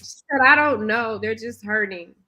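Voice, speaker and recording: This woman co-hosts a morning talk show and spins a lively, casual story, performing each line of dialogue herself. She speaks at a measured pace in a slightly high voice, though the audio quality is poor.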